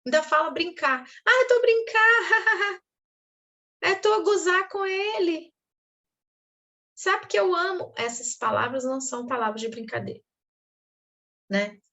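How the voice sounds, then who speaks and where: A woman's voice: high voice, lively intonation, unhurried, gravelly, long pauses, a bit bright. A woman, a mentor teaching a group, who acts out harsh phrases in quoted voices. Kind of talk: lecture to a group.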